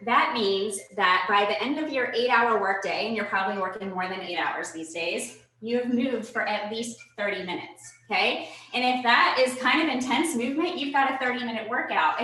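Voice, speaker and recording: A woman's voice: a little high, bright, forceful tone. A woman fitness instructor giving a live virtual talk and demo, upbeat and chatty, checking in with "okay?", a bit out of breath. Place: room at home. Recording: very echoey room.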